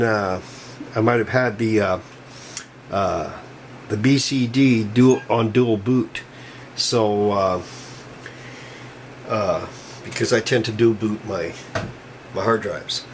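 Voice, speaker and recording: An older man narrating a hands-on computer repair in a casual, folksy, chatty way, with bursts of excitement. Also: mid-range voice, slight background noise, rough recording. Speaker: PC repair hobbyist.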